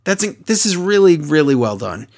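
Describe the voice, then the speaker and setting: A middle-aged man co-hosting a podcast, recapping shows in casual chat in an animated, jokey way. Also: a little high, normal speed. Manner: animated, jokey, acts out quotes. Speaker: podcast co-host.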